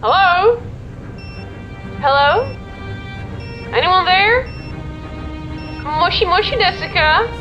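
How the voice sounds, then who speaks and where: A woman's voice: extremely high pitch, expressive, slow pace, long pauses, full character voice. A woman playing an eager radio caller in a hobby film, with a lo-fi sound. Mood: calling out. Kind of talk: hobby convention film acting. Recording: dull lo-fi radio-call sound, faint music.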